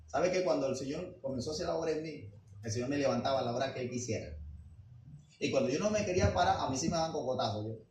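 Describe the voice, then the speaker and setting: A man preaching a sermon as pastor, emphatic and full of rhetorical questions, swinging between quiet asides and loud declarations. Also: medium pitch, animated, quick pace. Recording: roomy and distant with faint background noise.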